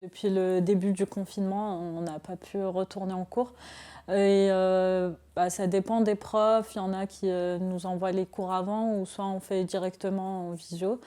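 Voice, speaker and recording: A woman's voice: mid-range voice, level tone, moderate pace, mellow. A young woman student answering interview questions casually, hesitant with many fillers. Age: young adult.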